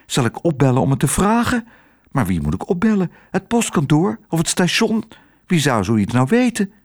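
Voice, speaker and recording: A man's voice: high voice, fairly even intonation, moderate pace, darkish tone, voice pushed up, lightly acted. A man doing a flustered, timid eatery owner woman. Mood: panicky. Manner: timid, fretful, wailing. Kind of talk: storybook reading.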